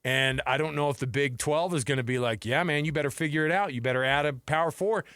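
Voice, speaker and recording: On a sports talk radio show, a man speaks fast in a smooth, slightly bright voice that sits on the high side. His manner is informal, as if chatting with a friend, and he calls his co-host and listeners "man" and "dude." The studio sound is clean, with no echo.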